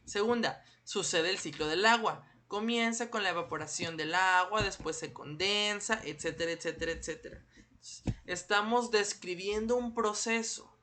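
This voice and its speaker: Bright-voiced teacher quizzing his class. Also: sits high, normal speed, slight background noise. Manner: patient, asks questions and answers them himself. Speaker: primary school teacher. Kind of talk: online class lesson.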